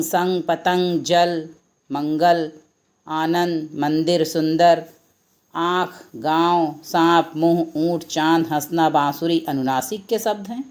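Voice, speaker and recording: A woman's voice: fairly low pitch, darkish tone. A woman teacher giving a lesson to children, reading example words out one by one. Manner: slow, deliberate word-by-word reading of examples. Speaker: Hindi teacher.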